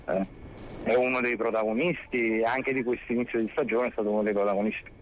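A man's voice: medium pitch, fairly even intonation, fast, slight background noise. A man reporting sports news over a phone line with spotty reception, hesitant and repeating words as he reasons. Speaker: sports correspondent.

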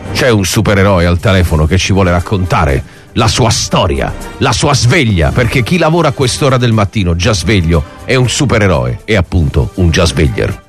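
Animated guy hosting radio like a showy game show, music under him. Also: low-pitched, normal speed. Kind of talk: lively live radio show banter with callers. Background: music bed.

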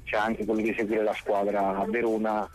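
A man's voice: on the low side, little pitch movement, moderate pace, soft background music. A man reporting sports news over a phone line with spotty reception, hesitant and repeating words as he reasons. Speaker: sports correspondent.

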